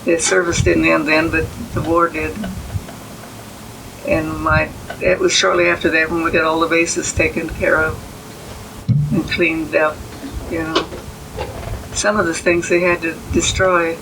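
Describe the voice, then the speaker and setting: Elderly American woman, old veteran remembering, gravelly voice, even pitch, halting recollection, hissy recording. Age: 80s or older. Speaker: army veteran being interviewed. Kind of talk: oral history interview.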